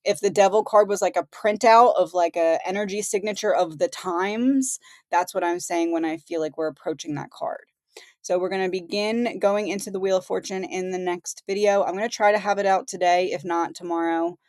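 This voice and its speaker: A woman on the low side of the pitch range, steady and a little mellow at normal speed, hosts her own channel while losing her voice. She reads headlines aloud and riffs on them casually, in clean studio sound with no room sound.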